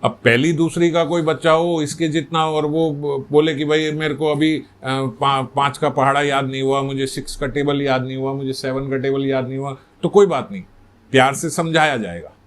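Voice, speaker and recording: A man's voice: medium pitch, fairly even intonation, normal speed. A man telling a religious story in a sermon, conversational and full of rhetorical questions. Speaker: spiritual storyteller.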